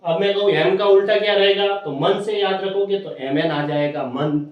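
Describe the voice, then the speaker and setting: A high-voiced man teaches an exam-prep lesson, laying out memory tricks step by step and repeating each point. He sounds far from the mic in a very echoey room. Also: normal speed, lo-fi sound.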